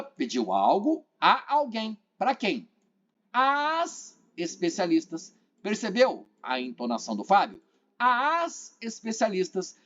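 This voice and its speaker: A man with a Brazilian Portuguese accent teaching an exam-prep grammar lesson, asking the viewer questions and repeating phrases. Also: high-pitched. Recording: dull lo-fi sound.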